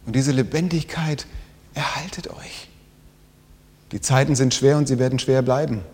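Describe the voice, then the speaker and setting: A man preaching a sermon, swinging from loud emphatic lines down to hushed whispers. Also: mid-range voice, fairly even intonation, brisk. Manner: dynamic, drops to whispers for emphasis. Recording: long hall reverb.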